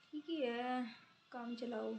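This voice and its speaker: A young woman talking casually to her phone camera in a vlog. She speaks softly and quietly. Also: fairly high pitch, slow, creaky, slight background noise. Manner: soft-spoken, talks quietly. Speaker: vlogger. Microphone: phone held in hand, no external mic.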